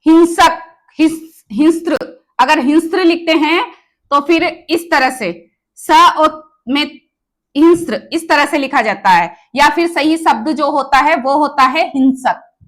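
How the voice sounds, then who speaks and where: A woman's voice: high-pitched, unhurried. A woman teacher giving an exam-prep grammar lesson, repeating each word and quizzing her students on the right form.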